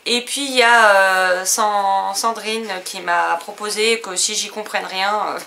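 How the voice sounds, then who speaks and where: Bright-voiced French woman chatting. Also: mid-range voice, fairly even intonation, measured pace, gravelly. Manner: chatty, hesitant with many fillers. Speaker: book and stationery vlogger. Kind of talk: casual haul video chat.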